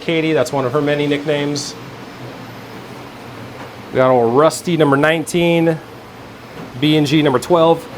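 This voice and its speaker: A man giving a casual, informal walk-through in vlog style, rambling and thinking aloud as he guides the viewer. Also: on the high side. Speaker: tour guide. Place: indoors, workplace rooms. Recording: faint room and air-conditioning noise.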